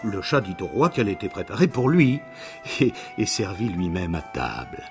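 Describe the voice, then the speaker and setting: Man, fairy tale narrator, dramatic delivery, animated pitch, background music. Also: normal speed. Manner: expressive, dramatic storybook reading. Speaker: storyteller.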